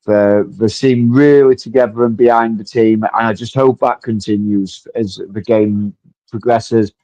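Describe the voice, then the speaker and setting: A man's voice: fairly low pitch, fairly even intonation, a little slow, dark tone, dry recording, lo-fi sound. A man co-hosting a live football watchalong as tactical pundit, talking steadily and agreeably. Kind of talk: casual football watchalong chat.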